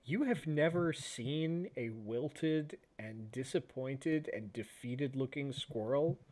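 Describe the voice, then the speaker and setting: A man running a tabletop role-playing game as game master, narrating scenes with pauses and restarts. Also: mid-range voice, a little mellow.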